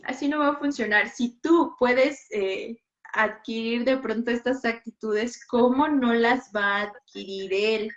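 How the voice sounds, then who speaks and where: Brief: high-pitched woman host, direct parenting advice, dull lo-fi audio. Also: unhurried. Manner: direct, animated, playfully acts out scenes. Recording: dull lo-fi sound.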